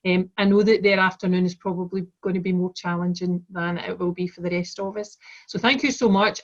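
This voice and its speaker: A woman with a broad Glasgow accent chairs an online conference, delivering formal, courteous opening remarks. Her medium-pitched voice stays quite flat in melody. The video-call audio is slightly dull and lo-fi. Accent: broad Glaswegian Scottish. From Glasgow, Scotland. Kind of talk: welcome address on a video conference. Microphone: video call microphone.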